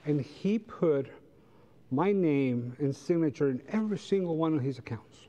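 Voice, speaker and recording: In a large church sanctuary, a middle-aged Costa Rican Sabbath school teacher addresses the congregation from in front of the pews, using rhetorical questions in a conversational lesson. A native Spanish speaker with a Costa Rican accent, he has a warm, slightly high voice with lively intonation at a moderate pace, captured in lo-fi sound.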